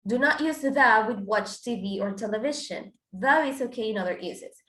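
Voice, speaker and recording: A woman's voice: on the high side, lively intonation, a little slow, a bit bright. A woman teaching an English grammar class, explaining step by step and switching between Spanish and English examples. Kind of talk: online class lesson. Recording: roomy echo.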